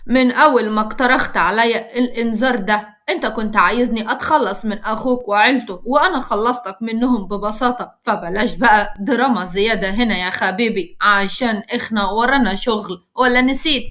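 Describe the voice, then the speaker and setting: A man's voice: high-pitched, a little fast, hardly any pauses, pushed and bright. A woman voicing a cold Egyptian crime boss. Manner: cold, mocking. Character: cold ruthless crime boss, calm and menacing.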